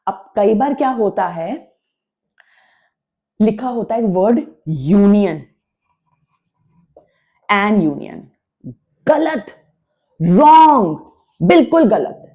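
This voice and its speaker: A woman leads a beginner English lesson at a slow, deliberate pace. She mixes Hindi with English words as she explains. She repeats each point firmly and sounds out the letters one by one. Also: medium pitch, expressive, mellow, lo-fi sound. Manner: repeats points emphatically, drills sounds aloud. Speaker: English teacher. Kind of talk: classroom-style grammar lesson.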